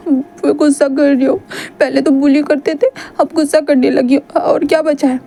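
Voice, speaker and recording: A woman's voice: sits high, level tone, normal speed, dark tone, a little hiss or hum. A woman voicing a timid young man who complains and stammers when flustered, in a told storybook tale. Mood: whiny. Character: timid, whiny young man, teased and scolded.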